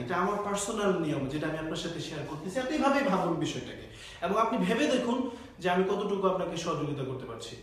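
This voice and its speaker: A high-voiced man teaches a live online language lesson, asking questions and then answering them himself. His voice rings with strong echo, as though the mic sits some way off in a bare room, with faint noise under it. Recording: echoey, distant, faint noise.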